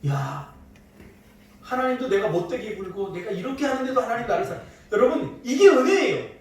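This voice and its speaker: Speaking a little fast with big swings in pitch, a middle-aged pastor delivers a sermon peppered with playful jabs at his congregation. His voice sits high, and the distant mic picks him up in a highly echoey church sanctuary, faint noise behind him.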